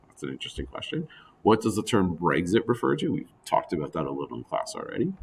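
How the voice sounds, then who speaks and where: Guy teacher w a really low voice, kinda hoarse, chatty lecture, faint hiss behind. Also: very animated, fast talker, a little mellow. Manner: conversational, with frequent fillers and asides. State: losing his voice. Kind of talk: recorded classroom lecture.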